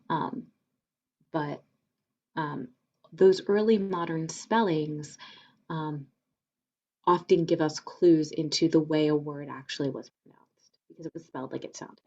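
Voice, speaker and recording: Her voice is low and a little mellow, with the highs cut off. Leading a theater company presentation, she gives an informal lecture in a casual way full of fillers, explaining spellings and reading sonnets aloud.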